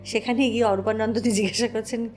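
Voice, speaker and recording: A woman hosting a spiritual talk. She retells a devotional story at an unhurried pace and answers her co-host with soft, agreeing hums. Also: a little high, steady tone, slight background noise.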